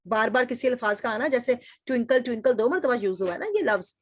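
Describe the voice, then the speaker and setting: A woman with a fairly high voice gives a literature lecture. She explains each term step by step and asks questions aloud, then answers them. The sound is close and dry. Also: lively intonation, fast, no room sound. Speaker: literature teacher.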